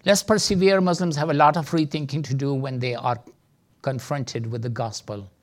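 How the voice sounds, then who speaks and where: A man's voice: mid-range voice, fairly even intonation, normal speed. A man with a Pakistani accent teaching a seminar like a preacher, earnest and emphatic. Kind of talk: teaching seminar with sermon-like exhortation.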